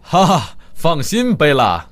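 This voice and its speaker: Cartoon firefighter, cheerful, reassuring, capable, swooping expressive pitch. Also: male voice, slow pace, full character voice. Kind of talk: animated children's cartoon dub.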